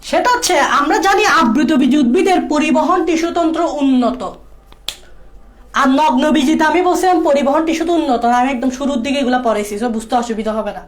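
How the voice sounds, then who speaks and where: High-voiced woman drilling exam points. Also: animated, fast. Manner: repetitive, drilling key points. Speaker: biology tutor. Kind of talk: exam-prep lecture.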